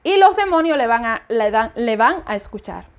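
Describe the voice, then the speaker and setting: A woman's voice: on the high side, very animated, normal speed. A woman preaching an informal spoken sermon, emphatic and repeating each point several times. She speaks her native Spanish.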